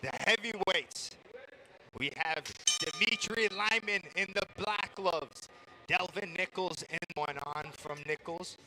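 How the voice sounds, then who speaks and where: A man's voice: high-pitched, slow, background noise. A man giving live fight commentary as an analyst, explaining the action as it goes.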